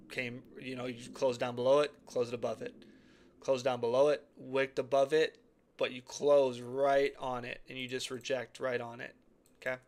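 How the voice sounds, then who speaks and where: Guy rambling over crypto charts, keeps going okay, right, kinda monotone, voice a bit cracked. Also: medium pitch. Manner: rambling, repeats phrases, says okay and right often. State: slightly cracked voice. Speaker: crypto chart analyst host. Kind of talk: casual live chart commentary.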